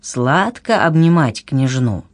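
Woman doing a sly, slow-talking merchant. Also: fairly low pitch, sing-song, a little mellow, full character voice. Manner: slow, ingratiating. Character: sly older male merchant, smooth and insinuating.

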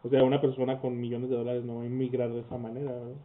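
Male co-host, relaxed chatty explainer, thin phone-like audio. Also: medium pitch, rapid-fire. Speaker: podcast co-host. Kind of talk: casual chat. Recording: tinny lo-fi podcast audio.

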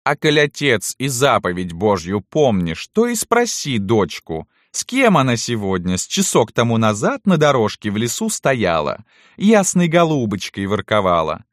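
A man's voice: medium pitch, wildly swooping pitch, moderate pace, hardly any pauses, no echo, studio quality, pitched above the performer's own voice. A man voicing a cruel, mocking middle-aged noblewoman landowner who taunts her serfs in a sneering sing-song. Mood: taunting.

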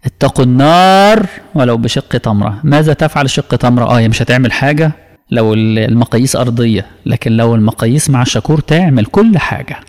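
Male preacher with an Egyptian accent, mid-pitched, emphatic lesson delivery, recorded with long hall reverb. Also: lively intonation, fast talker. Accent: Egyptian Arabic. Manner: emphatic, asks many rhetorical questions. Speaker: preacher teaching a creed course. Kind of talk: religious lesson.

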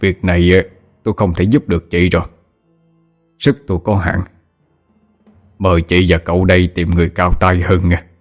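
A man voicing a grave middle-aged male village spirit medium who speaks slowly with hesitant fillers. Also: low voice, little pitch movement, faint music behind, natural voice.

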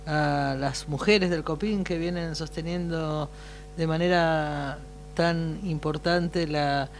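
A man with an Argentine Spanish accent hosting a community radio show, talking thoughtfully and pausing with fillers. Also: on the high side. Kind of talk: casual radio talk.

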